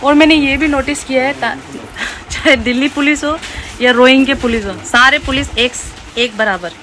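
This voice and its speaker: Young woman vlogger, high voice, chatty and indignant, handheld phone, noisy store background. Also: normal speed. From Arunachal Pradesh, India. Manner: indignant, chatty, mixes English phrases. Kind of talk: casual vlog narration. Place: outdoors and in a supermarket. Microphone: handheld phone camera.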